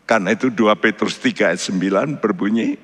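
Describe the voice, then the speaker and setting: A man preaching a sermon as pastor, emphatic, his pitch jumping up on key words. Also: a little fast, fairly bright tone. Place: church. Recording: reverberant church hall.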